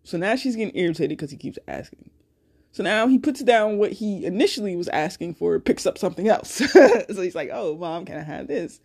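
Woman on her own podcast, swears a lot, super expressive voice, mid pitch. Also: a little fast, breathy edge. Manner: blunt, heavy cursing, animated storytelling. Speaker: podcast host. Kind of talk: casual solo podcast monologue.

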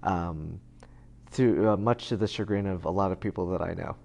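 A man's voice: low-pitched, moderate pace, vocal fry, darkish tone. A man in his thirties, a guest in a casual conversation, talking in a rambling way with many fillers and restarts. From United States. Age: 30s.

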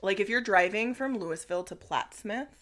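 A woman in her thirties co-hosting a podcast in relaxed casual chat, with many fillers, sometimes dropping to a near whisper. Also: medium pitch, moderate pace. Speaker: podcast co-host.

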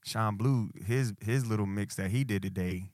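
A man's voice: lowish voice, moderate pace, darkish tone, dry recording, clean studio sound. A middle-aged man co-hosting a podcast, telling stories in casual chat full of slang and quoted friends. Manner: laid-back storytelling with slang, quoting friends. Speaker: podcast co-host.

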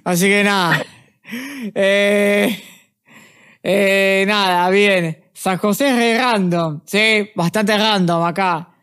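Una mujer con acento uruguayo que presenta un programa de charla y habla muy despacio, estirando las frases. Bromea todo el tiempo y repite palabras en tono juguetón. Su voz es de altura media. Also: female voice, mid-range voice, fairly even intonation, fairly bright tone, smooth. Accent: Uruguayan Spanish. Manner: slow, joking, playful repetitions. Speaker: host. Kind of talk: casual podcast chat.

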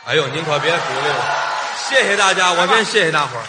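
A man doing stage crosstalk comedy, firing back quick indignant comebacks. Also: on the high side, lively intonation, over a noisy crowd, very noisy. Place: stage before an audience.

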